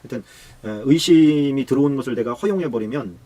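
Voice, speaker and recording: A man pastor giving a Bible study sermon in a lively, casual way, acting out quoted voices with big pitch jumps. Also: quick pace.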